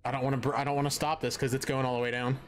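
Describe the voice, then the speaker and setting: A man's voice: medium pitch, level tone, rapid-fire, slight background noise. A young man streaming a co-op game, talking casually with dry, sarcastic remarks. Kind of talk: casual co-op gaming chat.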